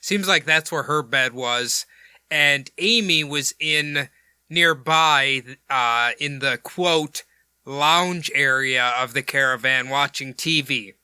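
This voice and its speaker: A man's voice: medium pitch, slow, bright, forceful tone, clear, resonant tone, no echo, clean studio sound. A man hosting a podcast, retelling a case in a casual, rambling, jokey way with crude asides. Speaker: podcast host.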